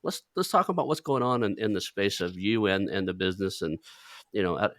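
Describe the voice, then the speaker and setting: A man hosting a podcast in a lowish voice recorded dry and close. He asks open questions in an easy, agreeable way. The talk is casual and conversational. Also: lively intonation, a little fast, a bit bright, no echo. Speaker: podcast host. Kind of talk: casual interview chat.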